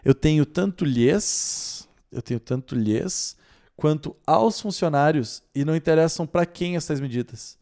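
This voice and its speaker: A young man, teaching an exam-prep video lesson, lively and explanatory, asking rhetorical questions and stressing key words. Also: fairly high pitch, a little slow.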